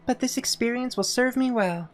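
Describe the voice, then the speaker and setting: A woman voicing a gentle, polite young racing girl, reading her lines formally in a raised voice. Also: fairly high pitch, normal speed, soft background music, pitched above the performer's own voice, lightly acted. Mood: regretful. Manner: formal, careful dub reading.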